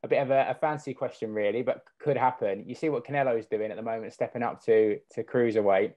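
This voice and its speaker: A man's voice: mid-range voice, quick pace, darkish tone. A man conducting a casual sports interview, chatty and given to long, rambling questions.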